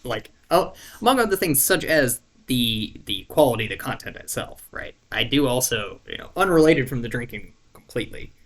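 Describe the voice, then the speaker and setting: This male YouTuber has a mid-range, fairly bright voice and sounds animated, keeping a moderate pace with hardly any pauses. Chatting loosely to camera, he searches for words, fills gaps, restarts and swears now and then. French isn't his first language, and his manner is relaxed and self-mocking.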